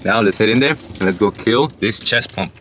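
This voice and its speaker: A man's voice: on the low side, normal speed. A young man, chatting casually to camera as a fitness vlogger. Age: young adult. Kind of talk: casual vlog chat to camera. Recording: noisy vlog audio with ambient noise.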